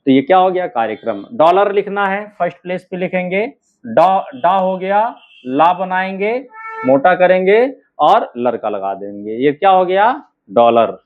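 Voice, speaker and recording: Slow-talking male shorthand teacher, tinny sound. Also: high voice, big pitch swings. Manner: slow, drawn-out words, frequent "ठीक है" and "है ना" checks. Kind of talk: shorthand lesson, spelling out word outlines. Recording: narrow phone-like sound.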